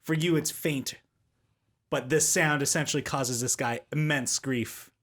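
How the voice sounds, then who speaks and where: A man's voice: on the high side, steady tone, a little slow, a bit bright. A man playing a tabletop game, chatting casually and carefully explaining the rules of his spells. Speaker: player.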